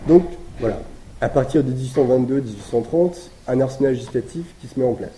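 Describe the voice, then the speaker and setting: A man's voice: mid-range voice, fairly quick, warm tone, a little hiss or hum. Hesitant man lecturing in an echoey room. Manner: hesitant, many fillers and restarts. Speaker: academic speaker. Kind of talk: academic lecture.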